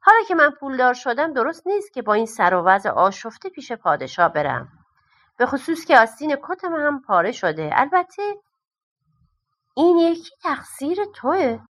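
A sharp-witted peasant farmer grumbles and talks back bluntly in a folk-tale storybook, as a woman reader plays him. His voice sits a touch high and lively. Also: full character voice. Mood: grumbling. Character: clever plain-spoken peasant farmer, grumbling.

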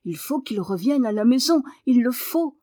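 A woman reading aloud voices a warm, motherly countrywoman who speaks softly and trembles with emotion. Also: a little high, lively intonation, moderate pace, no echo, studio quality, pitched above the performer's own voice. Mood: tender.

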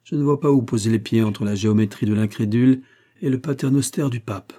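A man's voice: mid-range voice, a little fast, warm tone, natural voice. A man reading the part of a sardonic, mock-gloomy young dinner guest in an audiobook.

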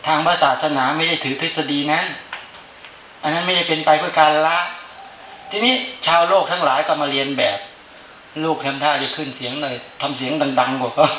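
A man who is a Buddhist monk gives an informal dharma talk in a chatty way, often asking his listeners whether they follow. His voice sits a little high, and the room gives a clear echo with faint ambience underneath. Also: sharp tone, slight background noise. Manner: conversational, keeps asking listeners to agree.

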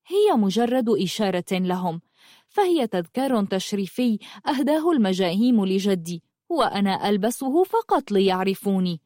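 A woman voicing a caring young woman who gently insists. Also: mid-range voice, big pitch swings, normal speed, no room sound, studio quality, lightly acted. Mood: insistent.

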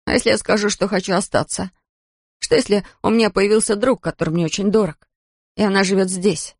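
A reader playing a sullen teenage boy in a storybook drama, resentful and quick to shout. His lines come out sharp and accusing. The recording is close and dry. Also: high-pitched, steady tone, no echo. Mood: resentful angry. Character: angry teenage boy fighting his mother.

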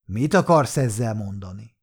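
A man reading an audiobook who voices a ruthless, armed gold-hunter with a sharp, threatening way of talking. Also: on the low side, expressive, slightly rough, pitched below the performer's own voice. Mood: cold, threatening.

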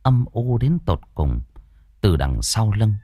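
A man's voice: on the low side, very animated, slow, dark tone, no echo. A man narrating a ghost story in a dramatic, suspenseful way.

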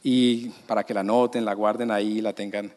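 Colombian pastor preaching in reverberant church. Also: male voice, fairly low pitch, little pitch movement, normal speed. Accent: Colombian Spanish. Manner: storytelling, swings from hushed to loud. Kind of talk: sermon. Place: church hall.

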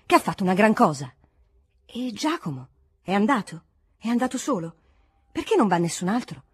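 A woman voicing a sweaty, irascible male monk who scolds loudly and indignantly. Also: medium pitch, very animated, moderate pace, breathy edge. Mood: piqued. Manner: loud, scolding, indignant outbursts.

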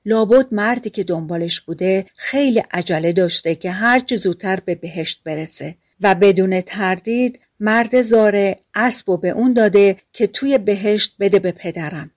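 A woman's voice: medium pitch, no echo, studio quality, close to an everyday voice. A woman voicing a naive, tired young farm lad in a storybook fairy tale, speaking earnestly and pleading.

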